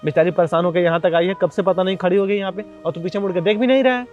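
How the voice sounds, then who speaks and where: Man doing a pushy but kind boss, talks fast, high, lo-fi sound. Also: fairly even intonation, faint music behind, natural voice. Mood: scolding. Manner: scolding, persuasive. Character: bossy but kind work supervisor. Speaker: actor in a comedy skit.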